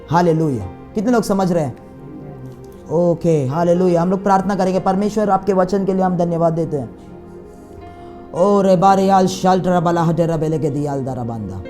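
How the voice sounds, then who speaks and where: Fervent male pastor preaching. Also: very high voice. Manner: fervent, peppered with hallelujahs and speaking in tongues. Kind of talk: sermon and prayer.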